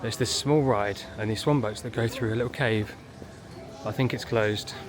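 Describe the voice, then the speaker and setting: A parent vlogging a family day at a theme park talks in a mid-range voice at a moderate pace, walking through the grounds and sometimes ducking into small buildings. Loud music plays behind the outdoor park ambience.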